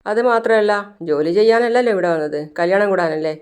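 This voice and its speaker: Brief: a firm, protective young husband, read plainly by a storyteller, pressing with questions, smooth clear tone. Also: medium pitch, fast talker, lightly acted. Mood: insistent.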